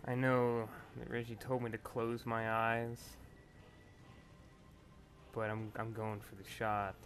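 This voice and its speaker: A man's voice: fairly low pitch, little pitch movement, slow pace, fairly bright tone, a little hiss or hum. A man playing a tabletop game, chatting casually about his character's moves and dice rolls.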